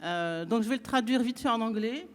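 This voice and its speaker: A woman's voice: a little high, expressive, brisk. A woman from Morocco with a French accent, welcoming guests to a round table, hesitant with many fillers as she switches between French and English. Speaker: event organizer welcoming a panel. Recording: long hall reverb.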